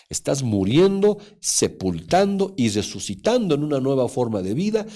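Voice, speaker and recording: Mellow-voiced man preaching with sweeping pitch. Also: husky. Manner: preaching with emphatic rises and asides to the congregation. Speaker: pastor. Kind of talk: sermon. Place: church online meeting.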